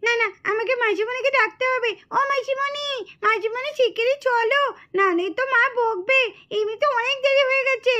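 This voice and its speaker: Brief: woman playing a tiny excitable cartoon girl, very high, calling out eagerly. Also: normal speed. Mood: urgent. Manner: calling out, tattling. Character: excitable little girl, niece. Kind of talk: puppet cartoon voice acting.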